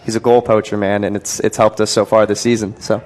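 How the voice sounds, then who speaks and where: Man, young, college athlete, relaxed, low voice, flat delivery. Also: brisk. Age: young adult. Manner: relaxed, easygoing, says man. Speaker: college soccer player guest. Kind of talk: casual interview answers.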